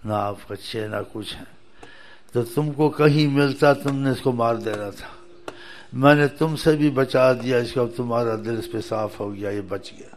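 A man preaching a storytelling sermon in a folksy way, chuckling at times and rising to emphatic exhortation. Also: mid-range voice.

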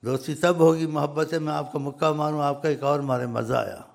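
Gravelly older man preaching. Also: a little high, steady tone. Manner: rambling, emphatic, swings between loud stresses and soft drops. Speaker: religious speaker. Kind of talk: informal sermon.

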